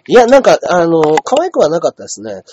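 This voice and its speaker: A man co-hosting a casual comedy chat stream, animated and reading viewer comments aloud. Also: on the high side, fast, background noise. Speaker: radio and stream co-host. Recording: dull lo-fi stream audio.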